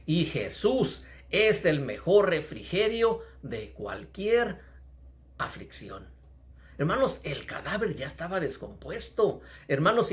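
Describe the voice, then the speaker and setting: A man's voice: high voice, a bit bright. A man preaching a sermon with fervent emphasis, calling his listeners "brothers" again and again.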